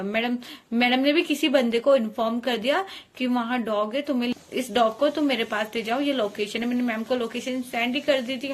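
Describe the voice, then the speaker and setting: Woman, vlogger, earnest, chatty, slightly high voice. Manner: earnest, chatty, addresses viewers as guys. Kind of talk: casual storytelling to camera.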